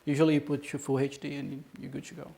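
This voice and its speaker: A Brazilian-accented man in his thirties fields audience questions in a conference room after his talk, hesitating with frequent ums and restarts. His voice is a little high, gravelly and dark, with little pitch movement and a quick pace.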